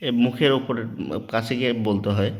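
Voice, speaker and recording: Loud music plays behind a brisk, mid-range male voice as a product demonstrator with a Bangladeshi accent gives an informal hands-on tutorial. He explains step by step, repeats himself, and often checks that listeners understand. There is noticeable background noise and some small clicks.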